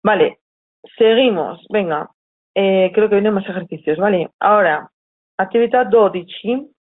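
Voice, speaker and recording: A husky, mid-range voice, a little slow, belongs to an Italian teacher with a Spanish accent from Spain giving a live online lesson. Heard through tinny, phone-like audio, she explains patiently and reads student questions aloud from the chat.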